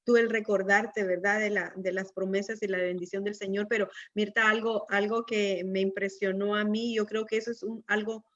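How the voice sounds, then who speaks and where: A woman's voice: mid-range voice, flat delivery, moderate pace, hardly any pauses, a bit bright. A woman hosting a church interview, talking reflectively and often adding tag questions. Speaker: host of church program. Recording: slightly dull lo-fi sound.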